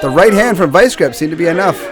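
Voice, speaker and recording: A man's voice: fairly high pitch, animated, fast talker, a crowd in the background. A middle-aged man giving casual, joking fight commentary in colloquial language with a co-host.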